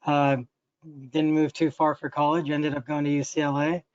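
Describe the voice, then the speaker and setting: A man's voice: fairly high pitch, flat delivery, normal speed, no room sound, dull audio. A man in his thirties from the United States, introducing himself as a panelist in an easygoing way. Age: 30s. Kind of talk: self-introduction.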